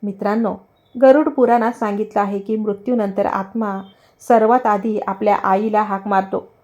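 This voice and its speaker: A woman's voice: medium pitch, a little mellow, lo-fi sound. A woman solemnly narrating a scripted religious moral story and addressing viewers as friends.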